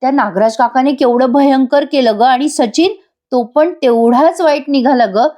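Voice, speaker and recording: Hurt upset young wife complaining to her mom, lady narrator reading, high-ish. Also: moderate pace, mellow, lightly acted.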